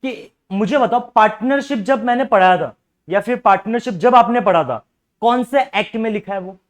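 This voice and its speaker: This young commerce teacher's voice sits high, and his lecture moves at a moderate pace. He frequently tests the students with questions and presses them to voice their doubts.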